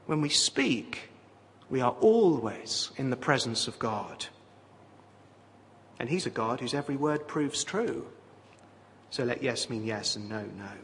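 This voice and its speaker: Animated man preaching in a hall. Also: medium pitch, measured pace, long pauses, a little hiss or hum. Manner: lively, animated preaching with wry asides. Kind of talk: sermon. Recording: long reverb of a hall.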